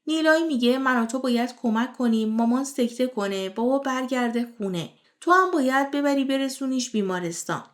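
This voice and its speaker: A woman's voice: sits high, hardly any pauses. A woman hosting a channel, reading a scripted retelling of a TV drama episode and passing on each character's words as reported speech. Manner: steady storytelling voice, relaying characters' lines as reported speech. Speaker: series recap host. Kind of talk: scripted narration retelling a TV series.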